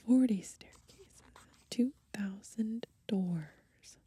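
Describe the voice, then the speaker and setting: A young woman reads from a book outdoors on the grass in a hushed, breathy ASMR whisper, adding gently musing asides. Her voice sits in the mid range, and she takes her time, speaking very slowly.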